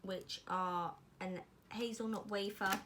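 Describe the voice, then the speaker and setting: Heavy background noise surrounds this British vlogger from the UK, who speaks slowly in a mid-range, fairly even voice. She's tasting snacks, chatting between mouthfuls, and poking fun at herself.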